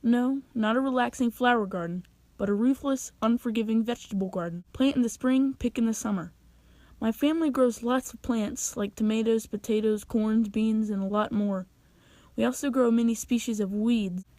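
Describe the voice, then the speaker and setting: A young woman narrating an animated storytime video with a wry, dry sense of humor and playful exaggeration. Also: a little high, normal speed, no room sound. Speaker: channel owner telling a story.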